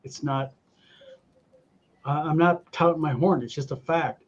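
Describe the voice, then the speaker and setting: A man's voice: fairly high pitch, steady tone, a little slow, husky. A man in his fifties hosting a casual show, reading viewer messages aloud and speaking bluntly and emphatically. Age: 50s. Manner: blunt, emphatic, swears freely. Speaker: podcast host reading viewer mail. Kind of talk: casual chat. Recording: dull lo-fi audio.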